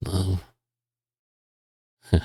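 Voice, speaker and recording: A man giving casual gameplay commentary, musing to himself and reading signs and place names aloud in a husky voice. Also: extremely slow, warm tone, no echo. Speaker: GeoGuessr player.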